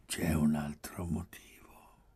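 A man voicing a languid, soft-spoken rich young man who mocks gently, in a hushed, slow half-whisper. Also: on the low side, gravelly, slightly rough, full character voice. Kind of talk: audiobook character voice.

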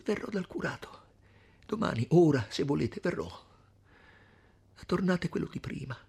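A frightened young peasant woman, put on by a man reading a novel aloud, pleading in a soft, breathy half-whisper. Her voice sits well above the reader's own low, gravelly tone, and it still keeps some of his husky roughness. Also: expressive, a little slow, heavily acted. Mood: eager.

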